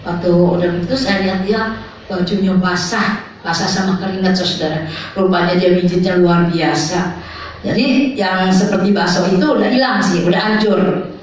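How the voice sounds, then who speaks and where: A woman's voice: on the low side, fairly even intonation, moderate pace, slight background noise. An older woman pastor, telling a testimony in a sermon and often turning to address the congregation. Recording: very echoey hall, mic far off.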